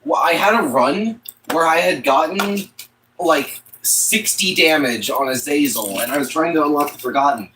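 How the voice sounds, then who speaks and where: A man's voice: on the high side, moderate pace, background noise. A young man streaming casual chat outdoors on a phone while walking home, rambling with lots of "like" and "you know".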